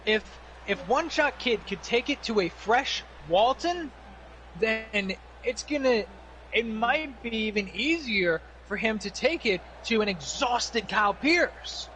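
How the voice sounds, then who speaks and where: A male wrestling commentator offers color commentary in an extremely high-pitched, bright and forceful voice. There is clear noise in the background. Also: expressive, slow pace, poor audio.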